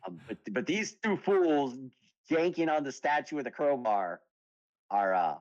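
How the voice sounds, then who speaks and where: A man at mid pitch narrates as game master for a tabletop game. His talk rambles along with plenty of "uh" and "like", and he laughs easily between rules calls. The recording is slightly dull and lo-fi. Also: sing-song, a little mellow. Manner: rambling, many fillers, quick to laugh.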